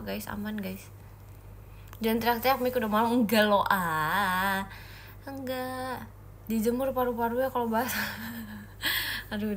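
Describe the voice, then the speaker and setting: A woman's voice: on the high side, fairly bright tone, slight background noise. A young woman from Indonesia chatting casually on a phone livestream, answering viewer comments in a playful, giggly way.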